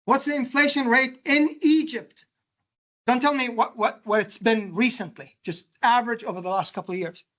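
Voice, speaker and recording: A man from Jordan with a Jordanian accent giving a classroom lecture, animated and emphatic, firing questions at his students. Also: very high voice, normal speed. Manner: animated, emphatic, quizzing the audience with rhetorical questions. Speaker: university lecturer.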